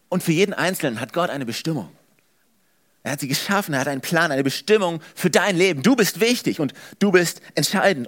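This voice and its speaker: A man preaching a sermon at a church service, emphatic and animated, with many repeated phrases. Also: sits high. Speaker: pastor.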